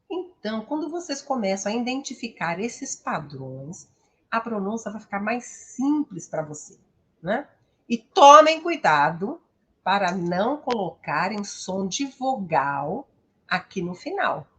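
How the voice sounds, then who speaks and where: In an online class, a woman from Brazil explains English pronunciation at a slow pace, frequently ending with an inquiring "né?". Her medium-pitched voice is fairly bright with a breathy edge.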